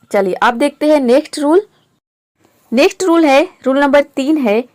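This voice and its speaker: A woman's voice: fairly high pitch, darkish tone. A woman teaching English pronunciation over slides, patiently repeating each word and giving its meaning.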